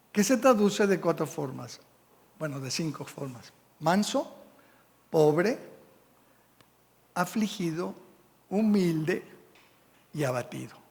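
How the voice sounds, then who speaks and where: A man's voice: a little high, creaky, big-room sound. A man with a Mexican Spanish accent preaching a sermon in a church, reading scripture and checking in with the congregation. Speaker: pastor. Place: church sanctuary.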